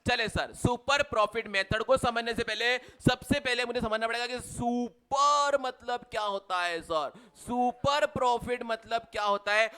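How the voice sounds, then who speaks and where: A man's voice: extremely high pitch, a little slow, hardly any pauses, sharp tone, smooth. A man teaching a commerce revision class with an Indian accent, chatty and teasing, mixing Hindi with English terms. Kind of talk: live class revision lecture.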